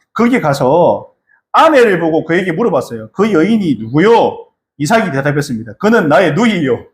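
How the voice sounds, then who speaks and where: A man's voice: high-pitched, fairly bright tone, reverberant. A man preaching a Sunday sermon as pastor, with a Busan Gyeongsang accent, telling Bible stories and acting out the voices of their figures. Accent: Busan Gyeongsang Korean. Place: church sanctuary.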